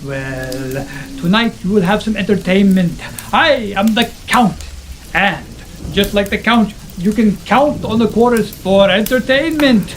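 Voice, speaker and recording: A man playing a campy vampire Count who hosts a spooky show, with a drawn-out, hammy, theatrical delivery. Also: sits high, animated, slight background noise, poor audio. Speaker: show host in costume.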